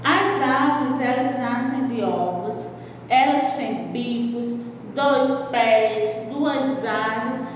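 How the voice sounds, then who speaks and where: A woman preschool teacher with a Brazilian Portuguese accent, slowly sounding out syllables in a sing-song voice for a recorded class. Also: a little high, a little hiss or hum. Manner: slow, drawn-out syllables, sing-song praise. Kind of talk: recorded remote class for young children. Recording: echoey room, far from the mic.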